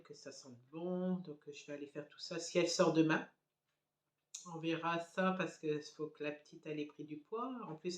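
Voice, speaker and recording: A middle-aged woman chatting casually to her phone camera at home, rambling with many hesitant fillers. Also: sits low. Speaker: family vlogger. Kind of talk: casual vlog chat to camera. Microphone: handheld phone camera. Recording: echoey home room.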